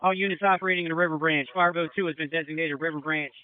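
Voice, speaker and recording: Fast, brisk man over marine radio. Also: fairly high pitch, fairly even intonation. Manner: brisk, directive, crisp radio procedure. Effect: marine radio transmission. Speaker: river branch incident commander. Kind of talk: emergency radio dispatch. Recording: narrow tinny marine radio channel.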